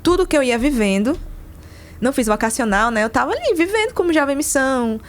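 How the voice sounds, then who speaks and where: Animated woman storyteller. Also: high voice, quick pace. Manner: animated, acts out dialogue in her stories. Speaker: podcast guest. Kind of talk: personal storytelling in casual conversation.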